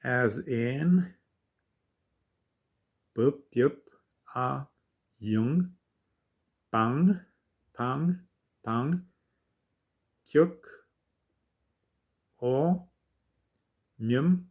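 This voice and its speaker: A man giving an informal language lesson, thinking aloud haltingly as he reads out syllables and works through exercises. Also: mid-range voice, lively intonation, darkish tone, slightly rough.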